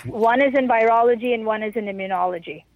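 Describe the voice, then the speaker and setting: A woman answering an interviewer's questions over the phone, halting and stumbling over her words. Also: on the high side, dry recording. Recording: tinny phone line.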